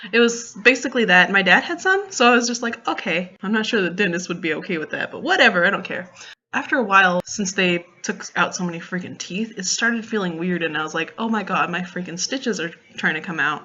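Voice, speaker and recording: A young woman chatting casually in a vlog, retelling a story in an animated way with lots of fillers and quoted dialogue. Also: on the low side, brisk, muffled recording. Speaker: vlogger.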